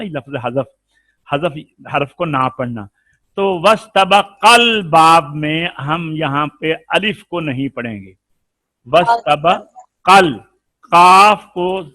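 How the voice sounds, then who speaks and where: A man from Pakistan teaching a Quran recitation lesson. He explains the rules slowly, chants Arabic examples, and quizzes his students. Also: high voice, a bit bright, dry recording. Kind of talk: tajweed lesson.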